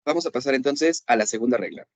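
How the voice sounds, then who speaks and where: Teaching English in an online class conducted in Spanish, this mid-range-voiced man explains things patiently, often asking "¿ok?" to confirm students follow and slowing down on English examples. There's no echo in the recording.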